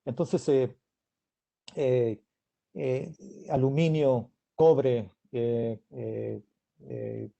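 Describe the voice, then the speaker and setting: A man with a very dark, soft-edged voice speaks as a guest expert in an informal technical Q&A. He has an American accent as a native English speaker and moves haltingly, often searching for the next word. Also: mid-range voice, steady tone, gravelly. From Mexican-American. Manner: halting, searching for words in non-native Spanish. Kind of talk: informal question-and-answer at a technical talk.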